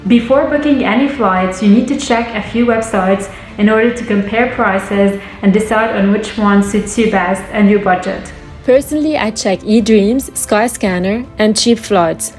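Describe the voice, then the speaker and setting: Young woman, travel vlogger, friendly tips, roomy echo, soft background music. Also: mid-range voice, normal speed. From Lebanon. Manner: friendly, explanatory, gives tips. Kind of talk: scripted vlog narration.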